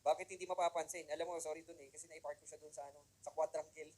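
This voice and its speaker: Male motivational speaker, quick and slightly high, animated seminar delivery that keeps asking the room for agreement. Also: poor audio. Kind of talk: inspirational seminar talk mixing Tagalog and English. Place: room with a live audience.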